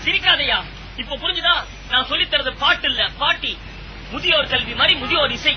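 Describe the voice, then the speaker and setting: A man playing a broke music teacher and squabbling husband, full of quick punning comebacks, in a comedy audio drama. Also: very high voice, dull audio, a crowd in the background, noisy background. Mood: bickering.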